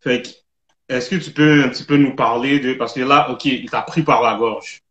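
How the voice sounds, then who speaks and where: A man's voice: mid-range voice, steady tone, moderate pace, fairly bright tone. Man, Quebec French accent, co-host, careful, tactful, echoey, muffled sound. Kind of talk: casual interview questions. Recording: echoey, dull online live audio.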